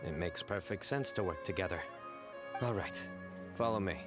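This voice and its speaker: A man playing a composed young investigator in a video game, formal and measured, with dry humor. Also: sits low, natural voice. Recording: music playing behind the voice.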